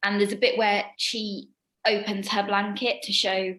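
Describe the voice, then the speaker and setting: A woman's voice: little pitch movement, a little slow, fairly bright tone. Chatty young woman telling stage stories. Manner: rambling with many ums, acts out quoted lines in a high voice. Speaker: actress, interview guest. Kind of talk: casual anecdote-telling.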